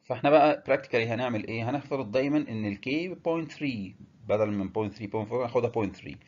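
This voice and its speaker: A man with an Egyptian Arabic accent giving a technical engineering lecture, explaining step by step with filler pauses and English terms. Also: mid-range voice, darkish tone, dull audio.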